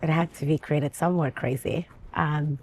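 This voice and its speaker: A woman from Lebanon, an interview guest, talking in a lively, chatty and restless way. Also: sits low, normal speed. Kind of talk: casual interview conversation.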